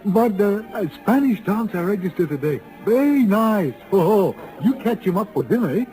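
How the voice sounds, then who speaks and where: High, eager hotel bellhop. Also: male voice, sing-song, moderate pace, mellow, faint music behind, low-quality recording. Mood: sly, eager. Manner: broken English, chirpy. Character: cheerful, eager Chinese hotel porter, sly and helpful. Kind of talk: 1950s radio western acting.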